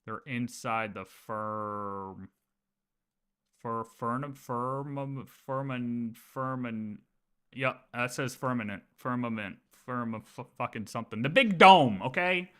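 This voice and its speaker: This streamer takes things slowly, his mid-range voice clean as he goes over lore with viewers. He stays casual and animated, repeats phrases, and keeps asking if everyone is following.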